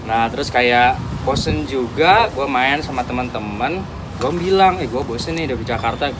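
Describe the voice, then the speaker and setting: A man in his thirties from Indonesia, a tattoo artist telling his story in relaxed, slangy casual chat. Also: medium pitch, normal speed. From Sukabumi, West Java, Indonesia. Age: 30s. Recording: recording with clear background noise.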